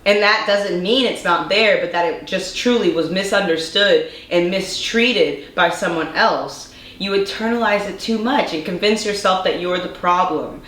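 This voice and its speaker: A young woman vlogger speaks earnestly to the camera in a casual monologue, tossing out rhetorical questions. Her voice is medium-pitched and a bit bright, slightly congested, at a normal pace with few pauses. The room is echoey, with faint background noise.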